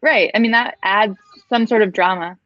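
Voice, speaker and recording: A woman's voice: mid-range voice, moderate pace, no echo, highs cut off. A woman with a neutral accent hosting a casual chat, easygoing and encouraging. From Oregon. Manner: easygoing, encouraging, laughs along. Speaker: interviewer.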